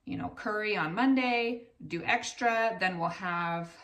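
Speaking to a camera placed a short distance away in her home kitchen, a vlogging mom in her thirties talks casually and with self-deprecating candor. Her medium-pitched voice is a bit bright and a little slow, and she sounds far from the mic.

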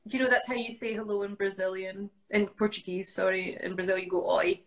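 Speaking a bit quickly in a steady, mid-range voice, a woman from Scotland in her forties reads viewers' greetings aloud while appearing as a guest on a casual video call. She talks with a Scottish accent from an indoor room at home, and the webcam audio is rough.

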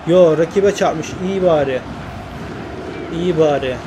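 Excitable high-voiced man playing football game. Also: measured pace, noisy background. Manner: excitable, swears and grumbles at the game, commentates his own play. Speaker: gaming YouTuber. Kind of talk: football game career commentary.

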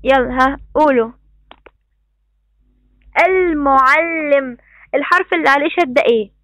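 This is a woman with an Egyptian Arabic accent and a high voice, teaching young pupils over a video call. She cheers them on and repeats each instruction patiently. The sound is dry and close. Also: very fast, a bit bright, dry recording. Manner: encouraging, repeats praise and instructions. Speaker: primary school teacher. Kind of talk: online class. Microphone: computer mic on a video call.

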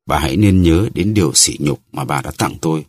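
Boastful proud musketeer, haughty and huffy, guy reading him, deep husky voice. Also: fairly quick, no room sound, clean studio sound. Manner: haughty, mock-offended. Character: vain, boastful musketeer, proud grown man.

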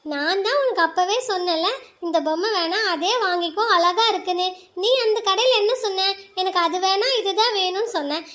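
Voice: extremely high pitch, brisk, sharp tone. A performer voicing a cartoon mother who scolds her quarreling children. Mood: scolding. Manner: scolding, nagging. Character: scolding cartoon mother, stern but fond.

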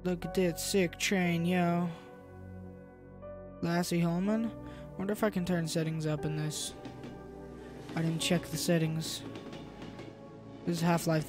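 A chatty, excitable woman talks her way through a horror game as she plays it. Her voice sits somewhat low for a woman, and her commentary rambles. Faint game music plays behind her. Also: a little slow, long pauses. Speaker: gaming video host. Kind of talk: let's play commentary.

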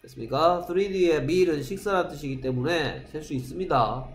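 Korean man teaching English, slightly high, echoey room. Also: normal speed, faint music behind. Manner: checks in with repeated questions, drills pronunciation. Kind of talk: classroom lecture. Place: classroom. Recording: echoey classroom.

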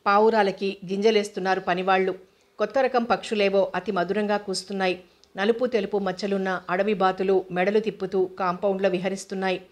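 A woman narrates a novel in a level, unhurried reading voice. Her pitch barely moves, keeping each line calm and even from start to finish.

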